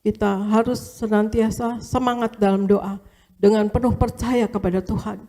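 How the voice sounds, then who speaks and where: A woman's voice: medium pitch, fairly even intonation, normal speed, dark tone. A woman, a pastor's wife, telling a conversational church testimony and often addressing her listeners directly. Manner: storytelling, often addressing listeners as brothers and sisters; casual colloquial speech with fillers and repetitions.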